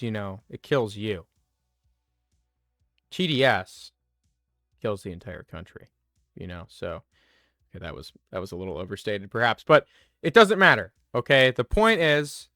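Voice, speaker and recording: A man's voice: medium pitch, sharp tone, no room sound, studio quality. A man hosting a comedy video, giving a satirical in-character monologue in a mock-earnest, rambling way that keeps working him up.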